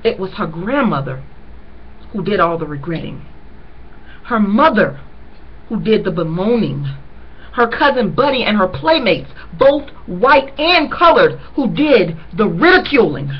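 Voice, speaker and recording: This woman's husky, medium-pitched voice swings widely in pitch, heard through dull audio. She reads a novel aloud one chapter at a time, stopping now and then in an earnest tone to stress important passages for her listeners as she adds personal remarks.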